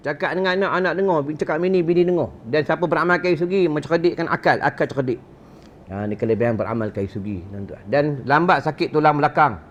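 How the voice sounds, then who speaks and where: A man's voice: a little high, fast talker, a little hiss or hum. A man with a Malaysian Malay accent giving a religious lecture at a mosque gathering, rhetorical and joking, quizzing his listeners. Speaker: religious teacher. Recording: dull lo-fi recording.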